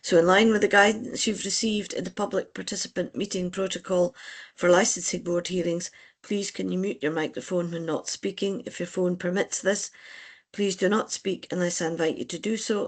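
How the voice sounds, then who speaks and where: Convener with a gravelly voice. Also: mid-range voice, fairly even intonation. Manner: procedural, measured, polite. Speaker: licensing board convener. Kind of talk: formal meeting chairing.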